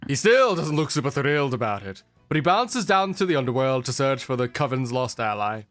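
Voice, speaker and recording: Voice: medium pitch, very animated, brisk, faint music behind. A streamer narrating a dating game aloud, playful and cursing in asides.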